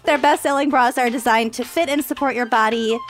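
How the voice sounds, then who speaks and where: A woman's voice: fairly high pitch, steady tone, a little fast, music in the background. A woman with an American accent chatting casually as a podcast co-host, playful and candid.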